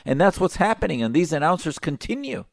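Gravelly man giving fiery radio commentary. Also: fairly high pitch, big pitch swings, quick pace, no room sound, clean studio sound. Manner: impassioned, emphatic, sarcastic. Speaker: radio talk show host.

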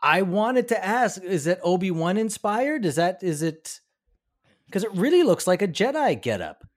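A man's voice: sits high, very animated, moderate pace. A man co-hosting a podcast, joking and teasing in casual chat. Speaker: podcast co-host.

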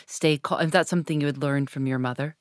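A woman host asking gentle, prompting interview questions. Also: sits low, fairly even intonation, quick pace, no echo, clean studio sound.

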